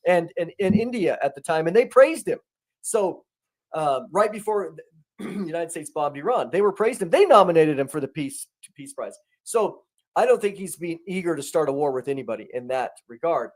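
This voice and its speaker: A man with a fairly high voice gives conversational commentary as a guest. He talks in an animated way, with many restarts. His emphasis keeps rising. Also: normal speed.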